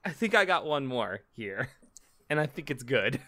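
A man's voice: medium pitch, sing-song, normal speed, sharp tone. A man co-hosting a comedy podcast, rambling and joking, laughing often and swearing casually. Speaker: podcast co-host.

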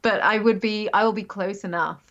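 A woman in her thirties from England chats casually, rambling and correcting herself with little laughs. Her voice is medium-pitched, brisk, and a bit bright, though the recording has a dull lo-fi sound.

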